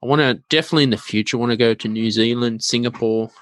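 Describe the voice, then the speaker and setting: A man hosting a podcast, chatting in a laid-back, halting way with lots of fillers and murmured agreement. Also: medium pitch, fairly bright tone. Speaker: podcast host. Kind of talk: casual podcast chat.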